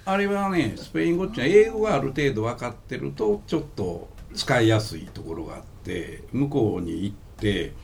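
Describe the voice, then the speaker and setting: A man's voice: medium pitch, fairly quick, gravelly, hardly any pauses, a little hiss or hum. A man with a Kansai accent who tells stories in a joking, casual way as an interview guest. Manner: joking, animated storyteller. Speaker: interview guest, company founder. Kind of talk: casual storytelling in conversation.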